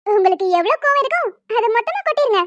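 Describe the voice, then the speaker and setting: A woman's voice: very high voice, lively intonation, rapid-fire, a bit bright, dry recording, dull audio. A woman voicing a cheeky young cartoon woman in a superhero costume, coaxing, playful and unbothered. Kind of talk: animated cartoon voice acting.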